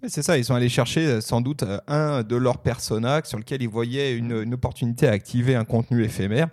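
A man's voice: medium pitch, brisk, darkish tone, no room sound, clean studio sound. A man co-hosting a casual podcast discussion, talking in a hesitant way with many fillers and restarts.

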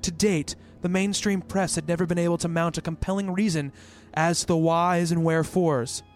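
With a fairly high pitch, steady tone and normal speed, a man gives a lightly acted read. He plays a concerned, rational researcher in an eerie audio drama, speaking as a thoughtful narrator and character over music. Both the radio play dialogue and the first-person narration sound measured and pensive.

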